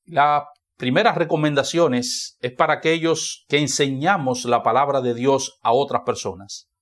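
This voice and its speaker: A man's voice: medium pitch, fairly even intonation, normal speed. A man with a Dominican Spanish accent, a pastor preaching a sermon in church, who repeats key phrases for emphasis.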